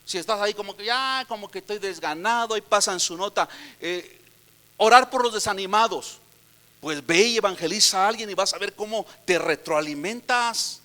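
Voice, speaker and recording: High, bright-voiced Mexican preacher. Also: male voice. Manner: storytelling preacher, shifts from quiet retelling to loud exhortation. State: tired. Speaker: pastor. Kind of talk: sermon.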